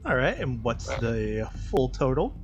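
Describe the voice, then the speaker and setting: Unhurried man running a tabletop game. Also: medium pitch, sing-song, music in the background. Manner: unhurried, terse rulings between short narration. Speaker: game master.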